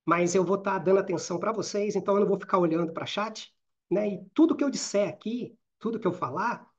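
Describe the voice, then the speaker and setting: Middle-aged Minas Gerais man as trainer in a live online session: rapid, informal, checking in with the audience, muffled lo-fi sound. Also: high voice. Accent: Minas Gerais Portuguese. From Brazil. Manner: talks fast, with frequent "né?" and "certo?" tags. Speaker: career and networking trainer. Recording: slightly dull lo-fi audio.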